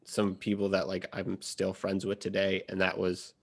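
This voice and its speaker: A man with a gravelly, fairly low voice hosts a relaxed podcast chat. He tells stories loosely, fills them with "like", and quotes his own reactions. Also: moderate pace. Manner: storytelling, quoting himself, says "like" often. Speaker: podcast host. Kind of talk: casual podcast conversation.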